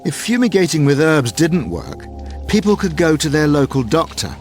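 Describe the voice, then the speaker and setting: A man delivering scripted, measured documentary narration. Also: a little high, sing-song, darkish tone. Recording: narration over clear background music.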